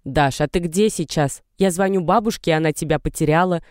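A man's voice: a little high, brisk, smooth, no room sound, studio quality, natural voice. A man reading the lines of an anxious middle-aged mother who lectures and coaxes her daughter over the phone. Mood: insistent. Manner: coaxing, insistent, lecturing.

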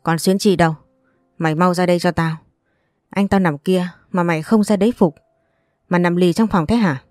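A woman's voice: on the low side, steady tone, moderate pace, no echo, studio quality, faint music behind, close to an everyday voice. A woman voicing a furious, bullying middle-aged uncle who hurls accusations in an audio story. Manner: shouting insults, accusing.

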